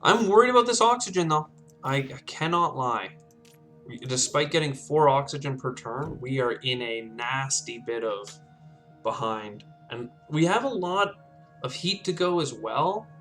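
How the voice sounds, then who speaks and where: A man in a casual gameplay commentary, musing aloud as he weighs each move and second-guesses himself. His voice sits at an ordinary middle pitch, with soft music and keyboard clicks faint in the background. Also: a little slow. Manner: thinks aloud, talks himself through choices. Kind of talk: casual let's-play commentary.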